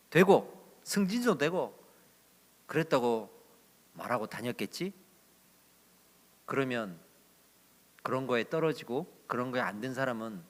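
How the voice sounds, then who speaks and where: A male pastor voicing Jesus, who speaks calmly in a fatherly, reasoning way. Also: medium pitch, in a large hall. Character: patient, gently correcting Jesus, male.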